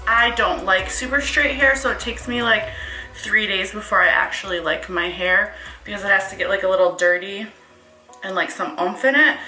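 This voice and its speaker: A young woman with a bright, forward voice talks casually through a hair tutorial, rambling with fillers and asides and a little out of breath. She sounds like she is in an echoey room at home. Faint music plays behind her. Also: mid-range voice. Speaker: hair stylist vlogger.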